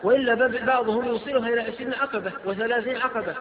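A man's voice: very high voice, fairly even intonation, rapid-fire. A man preaching to an audience, reading out questions and answering firmly in numbered points. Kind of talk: religious lecture Q&A. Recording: tinny, echoey hall recording with crowd.

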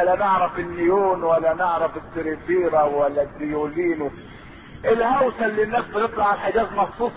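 High-voiced Egyptian preacher on lo-fi tape. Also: male voice. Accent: Egyptian Arabic. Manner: dramatic, stretches words slowly, rises to emotional cries. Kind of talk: impassioned sermon. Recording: noisy phone-like lo-fi tape.

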